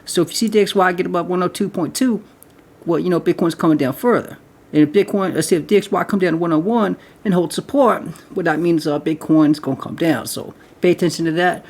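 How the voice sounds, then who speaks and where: A man's voice: high-pitched, quick pace, darkish tone. A man hosting a casual trading video, rambling through chart commentary, repeating himself and calling his viewers guys. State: short of breath. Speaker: crypto trading video host.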